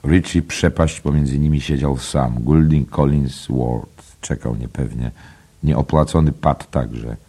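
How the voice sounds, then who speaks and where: A man with an extremely low, husky voice reads literary prose for an audiobook. His tone is dark and mellow, and his delivery is slow and measured, dropping at times to a hush. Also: steady tone. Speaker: narrator.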